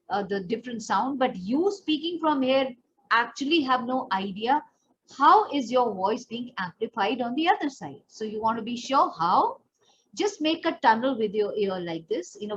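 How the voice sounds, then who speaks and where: This woman speaks with an Indian accent and a voice on the high side, working as a pageant and personal development coach. She walks the learner through a voice training lesson step by step, explaining and demonstrating while addressing them directly. Audio is dull and lo-fi, carrying a faint background noise.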